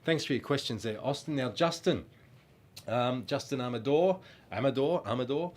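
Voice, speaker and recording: Medium in pitch, animated, and at a normal speed, this voice is that of a middle-aged Australian man with a cold-blocked nose. Once a children's band singer, he chats through fan questions in a friendly, rambling way, umming often.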